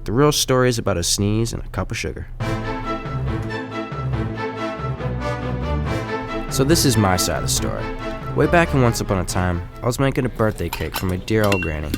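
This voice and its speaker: A man playing an aggrieved, folksy wolf who narrates his side of a storybook radio play in a conversational, wry, self-justifying way. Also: on the low side. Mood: confiding, self-justifying. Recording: loud music under the voice. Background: guitar music.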